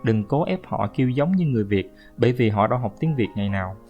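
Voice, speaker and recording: A man's voice: mid-range voice, lively intonation, fast talker, dull audio, soft background music. A man from Vietnam teaching English pronunciation in a casual spoken lesson, talking straight to his viewers and explaining with examples. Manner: friendly, explaining with examples, addresses viewers directly.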